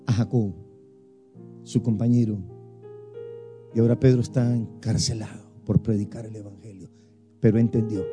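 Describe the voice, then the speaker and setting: A man preaching a sermon, emphatic, with big swings in pitch and loudness as he stresses points. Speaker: pastor.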